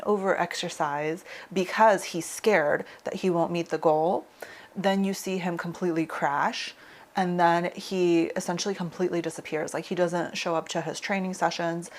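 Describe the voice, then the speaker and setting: A woman's voice: on the low side, steady tone, moderate pace. A young woman coaching her viewers in a casual talk to camera, chatty and full of "like" fillers. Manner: chatty, heavy use of "like" fillers. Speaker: leadership coach.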